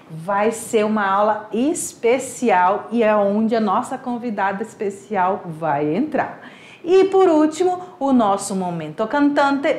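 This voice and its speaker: A woman with a Brazilian Portuguese accent, teaching a recorded school lesson and modeling pronunciation for students with lively enthusiasm. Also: on the high side, echoey room. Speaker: Spanish teacher.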